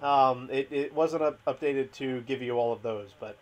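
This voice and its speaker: A man's voice: mid-range voice, moderate pace, a little mellow, a little hiss or hum. A middle-aged man giving casual, rambling live game commentary in a goofy manner. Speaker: let's play streamer. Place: indoor room, on webcam.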